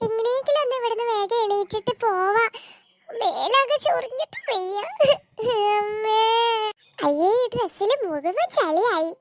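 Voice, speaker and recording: Woman doing a very high, scheming cartoon girl. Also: lively intonation, a little slow, background noise, exaggerated voice. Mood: whiny. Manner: plots aloud, wails and whines. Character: scheming mischievous young girl prankster.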